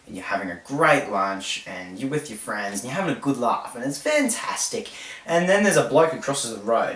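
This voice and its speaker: A man's voice: mid-range voice, a bit bright. A man hosting a jokey explainer, talking in a playful, rambling, self-mocking way. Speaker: host. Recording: roomy echo, distant mic.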